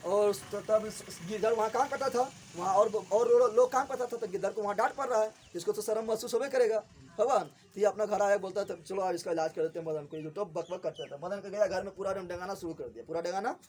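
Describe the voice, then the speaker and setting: Teacher guy, high voice, rattles off questions at the class, faint hiss behind. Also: darkish tone. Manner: asks the class quick questions and answers them himself. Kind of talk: explaining a story chapter to a class.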